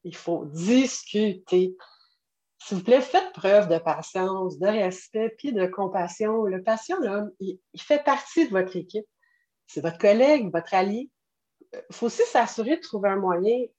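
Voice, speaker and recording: A woman in her late forties with a French Canadian accent gives earnest answers as a podcast guest, a patient partner. Her mid-range voice is dark-toned, with lively intonation and a moderate pace, and the sound is slightly dull and narrow-band.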